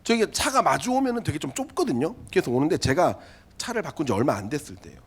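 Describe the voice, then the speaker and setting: A man's voice: sits high, slightly rough. A man preaching a sermon to a youth group, telling a funny personal story with acted-out voices and talking straight to his listeners. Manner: lively comic storytelling, acting out voices; direct, chatty address to listeners. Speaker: youth pastor.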